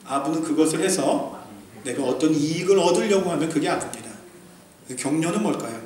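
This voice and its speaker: A high-voiced man from South Korea preaches a sermon with a very lively, swooping delivery. He builds to emphatic peaks, drops to quiet asides, and acts out quoted remarks with humor. The sound is very echoey and picked up from a distance, with faint noise behind him. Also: fairly quick. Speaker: pastor. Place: church sanctuary.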